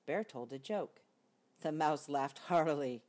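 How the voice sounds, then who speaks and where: An older woman reading a children's storybook aloud expressively, as a grandmother would, with deliberate emphasis. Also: low-pitched, darkish tone.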